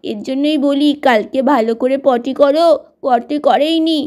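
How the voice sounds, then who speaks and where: A woman's voice: high voice, normal speed, darkish tone, lightly acted. A woman voicing a worried young mother in a doll-play story, fussing and scolding. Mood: concerned. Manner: fretful, scolding. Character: anxious young mother fussing over kids.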